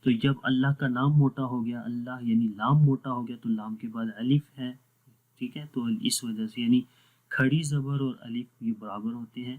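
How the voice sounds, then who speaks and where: A man's voice: mid-range voice, fairly even intonation. A man teaching a Quran recitation lesson online, explaining step by step, asking the class questions and answering them himself. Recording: tinny phone-like audio.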